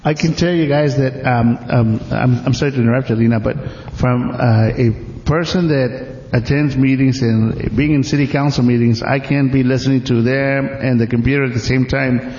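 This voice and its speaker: A man's voice: medium pitch, steady tone, normal speed, few pauses, a little mellow. Earnest man speaking up from the audience. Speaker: audience member and device user. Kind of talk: spoken testimonial from the audience. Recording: roomy lo-fi room recording with faint background noise.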